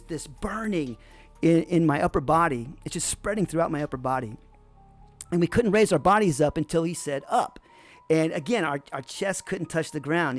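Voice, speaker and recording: A man telling a personal story in a conversational way, often adding "man" and "you know". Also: fairly high pitch.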